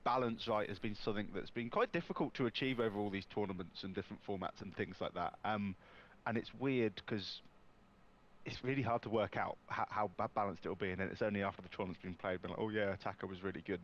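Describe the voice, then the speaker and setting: A man with a fairly low voice co-hosts a live stream, chatty and upbeat and quick with a joke. His sound comes through dull and lo-fi, like remote audio. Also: a little hiss or hum. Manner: chatty and upbeat, with bantering asides. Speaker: co-host. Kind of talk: casual live-stream chat.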